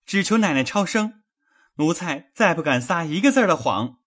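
A woman voicing a frightened young male servant who pleads and hurries through his confession in a lowered voice. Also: lively intonation, normal speed. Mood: cowering, pleading.

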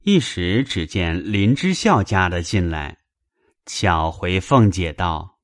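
A man reads a classic novel aloud with a low, deep voice and a slow, unhurried pace. His pitch moves expressively across the lines, recorded dry and close. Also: animated, dry recording. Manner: measured storytelling, also voicing male characters. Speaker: narrator. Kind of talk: dramatized novel reading.

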